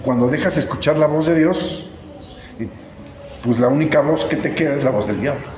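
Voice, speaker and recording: A pastor delivers a sermon in a very reverberant hall, his voice ringing with a long tail of echo. He presses his points with rhetorical questions and repeats words for emphasis. Steady background noise sits under his voice. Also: on the high side, normal speed.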